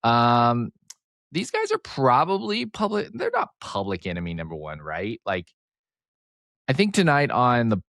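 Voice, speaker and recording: A man hosting a casual sports podcast alone, excitable and rambling, with a slight speech impediment that makes him mumble and trail off. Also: medium pitch, a little slow, creaky, no room sound, clean studio sound. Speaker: podcast host. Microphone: close desk mic, sometimes turning off-axis.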